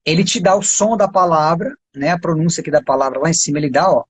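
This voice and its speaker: A man with a Brazilian Portuguese accent, an English teacher giving a casual live-stream lesson, chatty and full of quick tag questions. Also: fairly high pitch, slightly rough. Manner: chatty, peppers talk with tag questions and pointers.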